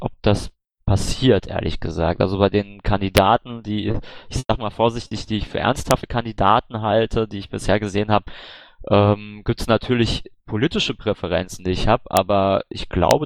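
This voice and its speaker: A man with a low, gravelly voice answers questions as a candidate in an online call. He speaks haltingly, restarting sentences and filling pauses. The sound is dry and close, with no room around it. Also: no echo. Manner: hesitant, many fillers and restarts. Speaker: candidate for party board. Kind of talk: online Q&A, casual spoken answers.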